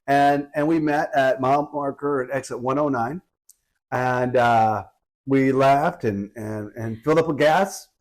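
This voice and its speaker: A man co-hosting a casual podcast, telling stories in an animated way and acting out quoted lines. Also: medium pitch, measured pace. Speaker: podcast co-host.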